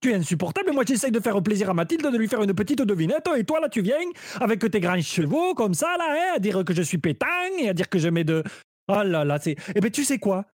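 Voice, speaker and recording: A man's voice: sits high, sing-song, fast, a little mellow, no room sound, studio quality. A man playing a hot-headed southern French café worker with a put-on Marseille accent, ranting theatrically in a live improv scene. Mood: exasperated. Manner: exasperated, theatrical rants.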